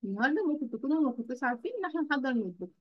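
A woman with an Egyptian Arabic accent teaching children English in an online class, praising them and drawing out English words slowly. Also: high-pitched, lively intonation, lo-fi sound.

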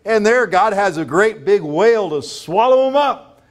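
A middle-aged American pastor preaches from a church pulpit to his congregation, emphatic and repetitive, firing off rhetorical questions. His voice is high-pitched and animated at a normal pace.

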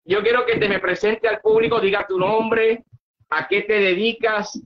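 A man's voice: high-pitched, steady tone, moderate pace. Chatty Puerto Rican man hosting over a video call. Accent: Puerto Rican Spanish. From Puerto Rico. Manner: chatty, laughs easily. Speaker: show host. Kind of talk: casual video-call interview. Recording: muffled video-call audio.

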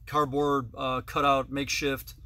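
With a medium-pitched, sharp voice that moves little in pitch, a man in his thirties speaks a little slowly. He gives a chatty, detailed tour of his toy collection in a basement full of toys indoors, filmed on a phone camera held at arm's length.

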